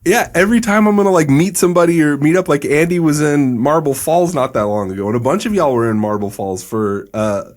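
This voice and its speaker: A man speaking as a podcast guest, relaxed and candid in casual conversation. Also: on the high side, brisk, few pauses. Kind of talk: casual interview chat.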